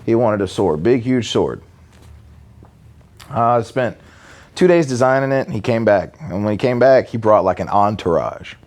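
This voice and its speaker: A tattoo artist, a man, telling a funny story about a client in a relaxed, rambling way. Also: lowish voice, moderate pace, long pauses. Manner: relaxed and rambling, with many restarts and fillers. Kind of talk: casual storytelling.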